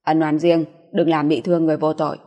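A detached, icy young male bodyguard in an audiobook, read by a woman, giving only clipped replies. The voice is low and dark with a husky grain. A long reverb hangs behind it. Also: little pitch movement, fairly quick, lo-fi sound. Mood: cold. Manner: curt, detached.

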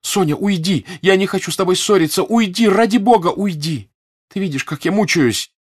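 A man's voice: lively intonation, normal speed. A man reading an audiobook and voicing a passionate, desperate young noblewoman who cries out and pleads. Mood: anguished. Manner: shrill, crying out.

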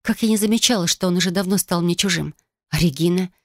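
A woman's voice: lowish voice, fast talker, no echo, studio quality. Woman reading an emotional audiobook. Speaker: audiobook narrator. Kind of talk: first-person audiobook narration.

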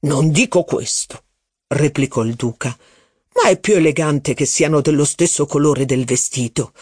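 A man doing a loud, bossy aristocratic duke. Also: a little high, normal speed, husky, no room sound, studio quality. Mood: blustering. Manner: loud, exclamatory, domineering. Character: blustering aristocratic duke, middle-aged, bossy and impatient.

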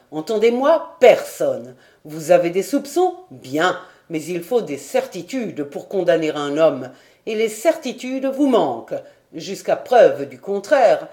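A woman reading the part of a defiant, stubborn male quartermaster in an audiobook, with forceful insistent questions. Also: mid-range voice, sing-song, a little slow, hardly any pauses.

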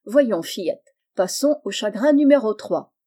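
A woman reading the part of a kindly middle-aged uncle and doctor, speaking in a gentle, reassuring way. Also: mid-range voice, lively intonation, unhurried, breathy edge. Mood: tender.

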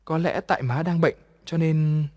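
A man voicing a cruel, two-faced young daughter-in-law in a read horror story, giving sharp, bossy commands. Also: fairly high pitch, fairly even intonation, normal speed, lightly acted. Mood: sweet. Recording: long reverb.

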